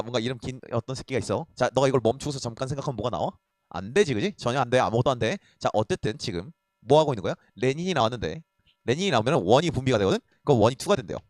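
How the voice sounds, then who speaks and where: A man's voice: on the high side, no echo. A man teaching a reading lesson in a casual, blunt way, swearing freely and often checking that students are following. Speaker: Korean language tutor. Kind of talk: lecture on reading a passage.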